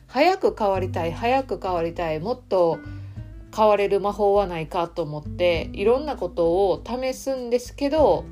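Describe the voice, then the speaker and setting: A woman with a Kansai accent hosting a casual solo podcast as a coach, talking in a relaxed, chatty way with soft fillers. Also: mid-range voice.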